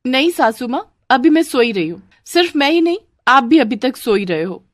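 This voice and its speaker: A woman puts on a cheeky young bride in an animated storybook, high and bright-toned, full of teasing, mock-innocent comebacks. The voice is close and dry, with no room around it. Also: moderate pace, no echo. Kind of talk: Hindi storybook voice acting.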